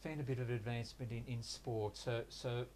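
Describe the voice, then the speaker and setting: In a reflective life-story interview, a Hungarian man in his sixties who was raised in Australia recounts his past; Hungarian is his first language. He speaks at a medium pitch in a flat, even tone, haltingly and hesitantly, with many pauses and restarts. There is a little hiss or hum in the audio.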